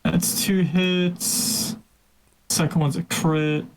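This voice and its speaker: A man playing in a tabletop game, chatting casually and pausing to check rules and tally damage. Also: fairly high pitch, flat delivery, a little hiss or hum, rough recording. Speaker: player.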